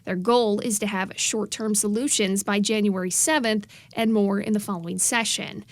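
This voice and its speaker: A woman reporter reading scripted news narration in a measured, emphatic way. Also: mid-range voice, no room sound.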